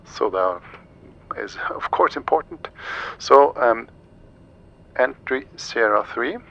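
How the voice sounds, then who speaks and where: A man's voice: medium pitch, animated, slow pace, gravelly, pushed and bright, lo-fi sound. A man streaming a flight simulator, thinking aloud through each step as he gives live commentary and makes pilot radio calls.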